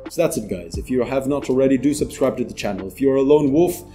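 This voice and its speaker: Earnest man giving mellow advice. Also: mid-range voice, lively intonation, fast, faint music behind. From Philippines. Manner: earnest, big-brotherly advice. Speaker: channel host. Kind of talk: motivational vlog monologue.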